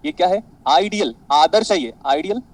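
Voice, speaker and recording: A man teaching an online physics class, animated and boastful, quizzing his students constantly. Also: high voice, moderate pace, rough recording.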